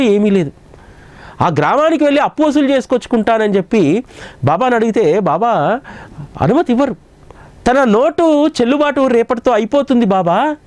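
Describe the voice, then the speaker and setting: A man giving a devotional storytelling talk as a spiritual speaker, slowing down and rising in pitch when he quotes others. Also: a little mellow, dry recording.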